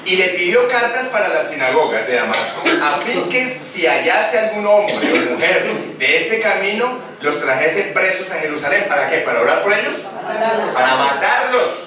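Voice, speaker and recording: A man's voice: high-pitched, very animated, normal speed, a crowd in the background. A man preaching a sermon, questioning the congregation and acting out scenes. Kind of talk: sermon with call and response. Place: church hall. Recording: echoey church recording from far off, noisy.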